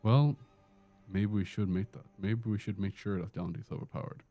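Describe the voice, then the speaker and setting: This game streamer from Sweden has a fairly low, mellow voice with fairly even intonation and a moderate pace, backed by soft music. Speaking in a Swedish accent, he chats, jokes, and answers chat questions during live gameplay in an indoor room with a door.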